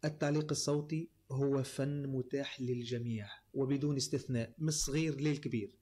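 A man with a Tunisian accent, working as a voice-over artist, speaks as a guest in a casual interview, laying out his craft point by point with frequent fillers. His mellow, mid-range voice keeps a fairly even intonation and moves a little fast.

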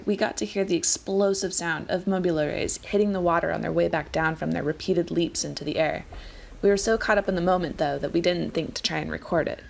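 A woman in her thirties narrating a sailing travel vlog in a calm, gently wry voice-over. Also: lowish voice, creaky, a little hiss or hum. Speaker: sailing vlogger.

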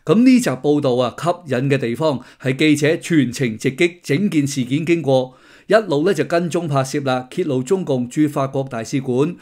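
A man's voice: a little high, moderate pace, a little mellow. A middle-aged man, hosting a casual political commentary with sardonic, mocking asides. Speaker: host of a commentary channel.

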